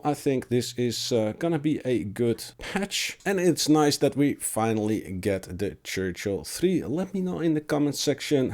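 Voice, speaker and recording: Guy doing game patch news, mellow dark voice but sick so it cracks, trips over words a bit. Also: medium pitch. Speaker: gaming video creator. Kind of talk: patch notes commentary, reading aloud with remarks.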